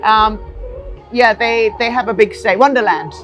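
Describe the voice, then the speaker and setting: A woman's voice: on the high side, a little slow, over music, low-quality recording. A woman in her forties from Hong Kong, talking chattily in an interview, laughing often and searching for words. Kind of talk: casual interview.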